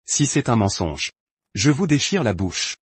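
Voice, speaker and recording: An actor playing a proud, vindictive middle-aged duke in a French drama dub, harsh and threatening in manner. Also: male voice, mid-range voice, very animated, measured pace, breathy edge, no room sound, exaggerated voice.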